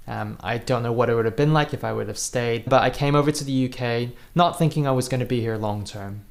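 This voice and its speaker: A man's voice: mid-range voice, gravelly. A man in his thirties from Singapore, an interview guest telling his story in an earnest, thoughtful way with frequent restarts. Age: 30s. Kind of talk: reflective personal storytelling.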